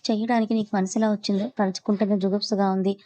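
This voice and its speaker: A woman's voice: mid-range voice, flat delivery, very fast, mellow, natural voice. A woman voicing an angry young husband who fiercely protects his wife, talking in a harsh, scolding way. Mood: contemptuous.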